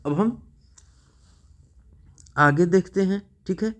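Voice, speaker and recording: A male math teacher with a slightly high voice. He walks through a lesson patiently, asking questions and checking in with a frequent "okay". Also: slow, fairly bright tone.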